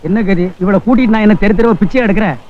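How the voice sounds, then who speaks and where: Man doing a bitter lottery hawker, very high voice, sharp-tongued, scolding, muffled film audio. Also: racing, natural voice. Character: broke, bitter man hawking lottery tickets. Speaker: lottery ticket seller. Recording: dull lo-fi film soundtrack.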